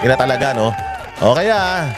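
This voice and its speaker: A man's voice: medium pitch, animated, normal speed, over loud music, a loud crowd. A Filipino man hosting a ranting political commentary show, heated, mocking and profane, switching between Tagalog and English.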